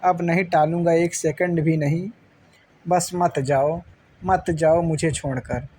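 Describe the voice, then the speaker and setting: A man's voice: fairly high pitch, fairly even intonation, takes it slowly, a little mellow, a little hiss or hum. A man reading as a desperate pleading husband.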